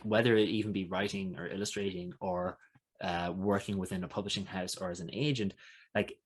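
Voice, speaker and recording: An Irish-accented man hosts a podcast in a slightly low voice. He presents and interviews conversationally, with very little room sound around him. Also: dry recording.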